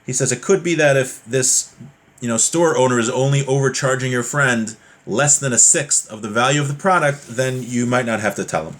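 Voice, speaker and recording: Speaking at normal speed, this man has a mid-range voice with a bit of brightness. He leads a religious class in a relaxed way, reading passages aloud and talking them through with ordinary, everyday examples.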